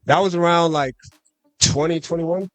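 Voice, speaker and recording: With a fairly high voice and moderate pace, a young US rapper chats in a radio booth at a live concert. He's loose and laid-back, dropping plenty of fillers and "you know what I'm saying." There's no echo.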